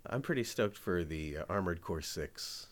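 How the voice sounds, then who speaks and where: A man with a low, animated voice hosts a podcast at a moderate pace. He chats in a laid-back, jokey way and drops casual swear words now and then.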